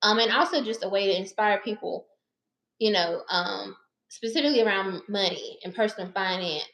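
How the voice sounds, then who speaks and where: A woman's voice: medium pitch, moderate pace, fairly bright tone. A woman in her thirties, a therapist running a personal finance channel, chatting casually and directly to her viewers, calling them y'all and baby. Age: 30s. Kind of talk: casual chat to camera. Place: her living room or car. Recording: roomy echo.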